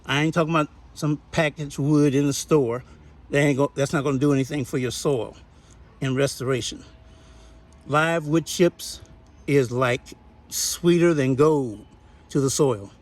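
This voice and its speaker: A man's voice: a little high, unhurried. A man giving a folksy, chatty tour of his backyard garden, laughing now and then. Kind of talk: casual garden walkthrough.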